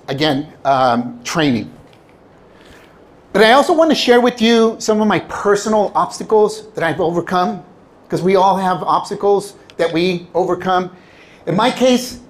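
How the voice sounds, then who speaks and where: A high-pitched middle-aged man, a native Spanish speaker from Southern California, gives a personal motivational talk to an audience. He works as a public speaker and tells his story in an animated way, acting out quoted lines.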